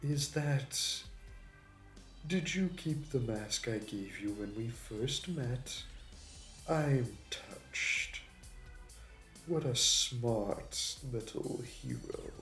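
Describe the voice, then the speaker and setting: A voice actor plays a suave, smug supervillain in an audio roleplay, sounding mocking and amused with a flirty, theatrical, taunting, drawn-out delivery. His medium-pitched voice is animated and a bit bright. The recording has a roomy echo, a distant mic, and music behind him.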